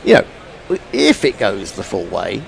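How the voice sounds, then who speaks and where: A man with a gravelly voice hosts a loose cricket chat, his pitch jumping around as he rambles and laughs at his own slips. There's a faint hum of outdoor noise behind him. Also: animated, measured pace. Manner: rambling, self-mocking, stumbles over names. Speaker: cricket commentary host. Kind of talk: casual pre-match chat.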